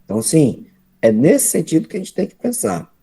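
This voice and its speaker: A man's voice: fairly high pitch, very animated, normal speed, vocal fry, dark tone, slightly rough. A Brazilian man making remarks at a study meeting, talking casually with tag questions. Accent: Brazilian Portuguese. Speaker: study group participant.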